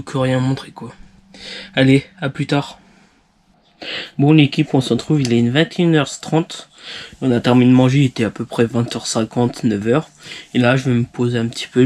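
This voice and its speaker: A man recording a casual video diary, talking in halting bursts full of restarts and fillers. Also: mid-range voice, darkish tone. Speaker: vlogger.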